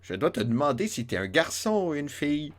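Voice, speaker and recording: A man voicing a gruff, chubby Irish innkeeper who barks brusque, impatient questions. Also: on the high side, big pitch swings, brisk, voice pushed up.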